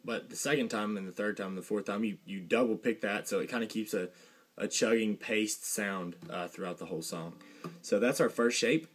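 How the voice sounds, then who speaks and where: Low-voiced young man teaching guitar. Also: normal speed, slightly rough. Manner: relaxed, rambling, with fillers and a dry joke. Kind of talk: casual guitar lesson. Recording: guitar playing behind the voice.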